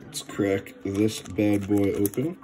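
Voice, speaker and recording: A man's voice: fairly low pitch, fairly even intonation, slow pace, noisy background. A young adult man chatting in a laid-back, rambling, sweary way, full of slang, as in a home food vlog. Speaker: food challenge vlogger. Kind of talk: casual, rambling vlog chat. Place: at home, kitchen and small room. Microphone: handheld phone, later camera on desk.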